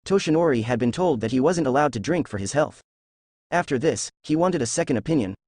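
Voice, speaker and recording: A man reading a fan fiction story aloud in a steady storytelling voice. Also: medium pitch, a little fast, dry recording, clean studio sound. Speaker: narrator.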